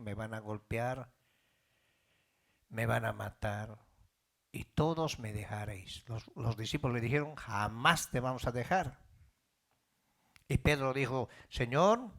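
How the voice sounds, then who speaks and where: A middle-aged man preaching a sermon as pastor, building in fervor and calling out questions to his congregation. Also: medium pitch.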